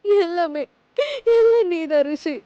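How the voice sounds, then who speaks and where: A woman's voice: very high voice, lively intonation, slow, dry recording, muffled recording, full character voice. An actress playing a young woman who tearfully begs her lover not to leave her, in a TV drama. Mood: pleading. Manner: pleading, tearful, repetitive. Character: young woman, desperate lover begging him to stay. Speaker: actress in a TV serial. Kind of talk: dubbed TV drama dialogue.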